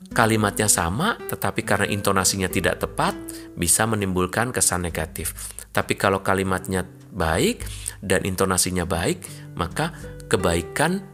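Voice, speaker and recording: Deep-voiced calm male preacher. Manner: calm, measured, explanatory. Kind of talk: sermon.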